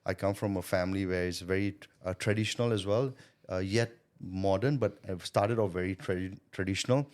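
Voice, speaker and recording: Speaking fairly quickly in a low, steady, darkish voice, a guest in an interview conversation reflects earnestly on his business and his childhood. He's a sales coach and business owner who was born in Thailand and went to school in India, and he keeps adding "you know" and "right?".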